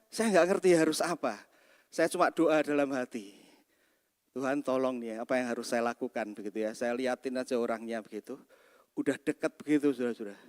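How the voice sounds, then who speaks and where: A man preaching a sermon as pastor, telling a personal story and often turning to address the congregation directly. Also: on the high side. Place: church hall. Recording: long hall reverb in a church.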